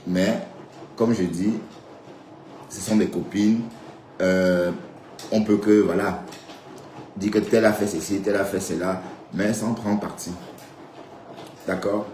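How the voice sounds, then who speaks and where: A man's voice: fairly low pitch, fairly even intonation, slow, long pauses, darkish tone, reverberant, a little hiss or hum. A man giving casual, rambling live-stream commentary, often checking in with viewers with little asides. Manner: rambling, addresses viewers directly with frequent "hein" and "d'accord".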